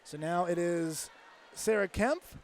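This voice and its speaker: A man giving live commentary at a diving championship, briskly announcing each diver and score. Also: high voice.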